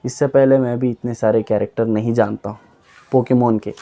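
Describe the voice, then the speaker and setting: A young man casually reading aloud a long list of names for his viewers, sounding them out slowly and often stumbling and repeating them. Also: medium pitch, fairly even intonation, dark tone. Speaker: YouTuber reading Pokémon names.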